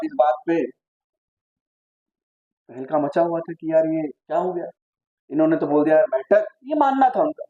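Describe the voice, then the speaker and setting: A man's voice: high voice, mellow, lo-fi sound. A male physics teacher giving a chatty classroom lecture, asking the class questions and joking as he explains. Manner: chatty, asks the class questions, jokes and digresses.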